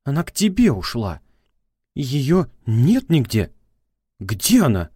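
A man's voice: on the high side, measured pace, darkish tone, no room sound, studio quality, voice pushed up. A man voicing a furious, hysterical young woman who shrieks accusations and verges on tears.

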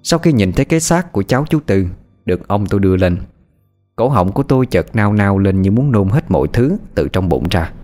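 A man narrating a ghost story in a measured, steady way. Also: lowish voice, faint music behind.

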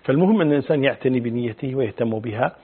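A middle-aged male Islamic scholar answering religious questions in a measured, explanatory way, quoting hadith. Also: medium pitch, husky. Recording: phone-like narrow band.

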